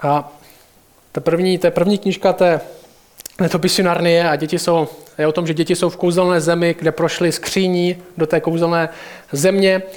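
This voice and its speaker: A man's voice: on the high side, level tone. A man preaching a sermon in a conversational way, addressing listeners directly.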